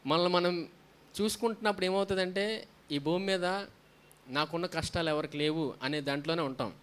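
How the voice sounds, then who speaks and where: Man, pastor, preaching sermon, rhetorical questions, hallelujahs, slightly high voice. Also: brisk, a bit bright, clean tone. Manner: asks the congregation questions and answers them himself; frequent hallelujahs between points.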